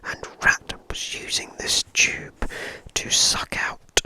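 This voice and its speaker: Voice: slow, sharp tone. A reader whispering a storybook for ASMR, very close to the microphone, right in the listener's ear.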